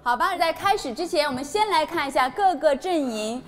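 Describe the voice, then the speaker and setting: A woman's voice: high-pitched, lively intonation, fairly quick. A woman presenting a competition show as its host, speaking into a handheld microphone. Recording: music playing behind the voice.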